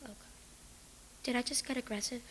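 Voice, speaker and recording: A woman's voice: on the high side, steady tone, a bit bright, big-room sound, slight background noise, lightly acted. An actress playing an earnest young woman in a support group who keeps apologizing, also singing. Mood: fretful. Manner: apologetic, quick self-correcting. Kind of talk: musical theatre singing and acting.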